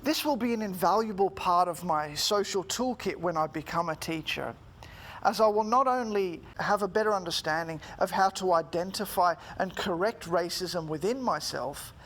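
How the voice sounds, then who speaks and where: Measured man giving a formal talk. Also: sits high, a bit bright. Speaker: speaker giving a talk, student teacher. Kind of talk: prepared formal talk, book critique.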